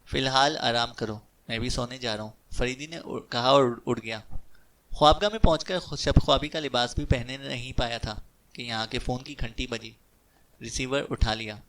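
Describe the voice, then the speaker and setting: A man's voice: mid-range voice, fairly bright tone, far from the mic. A man narrating an audiobook of a detective novel, giving the characters' lines with light changes of voice.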